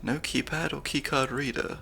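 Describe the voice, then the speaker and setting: Steady in tone and moderate in pace, a young man's mid-range voice shows vocal fry against a faint hiss or hum. He voices a nerdy, slightly anxious replacement spy handler for an ASMR audio roleplay, soft-spoken, analytical, and dryly witty.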